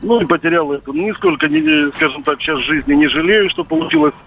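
A man's voice: a little high, very animated, gravelly. Hesitant man calling over a landline phone. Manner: hesitant, filled with "uh" pauses and hedging phrases. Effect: heard over a landline phone. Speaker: caller. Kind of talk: telling a story to a radio host. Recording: tinny phone line, faint noise.

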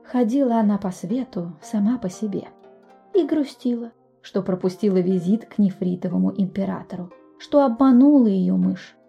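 A woman narrating a bedtime fairy tale, gentle and expressive, talking to the listener. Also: mid-range voice, moderate pace, vocal fry, slightly rough, faint music behind. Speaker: storyteller, podcast host. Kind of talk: scripted bedtime story narration.

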